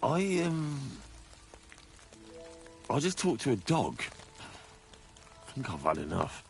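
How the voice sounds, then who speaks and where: A man's voice: medium pitch, wildly swooping pitch, slow, soft background music, full character voice. An actor playing a boastful, cocky young man in a video game, bragging and swearing as he drinks.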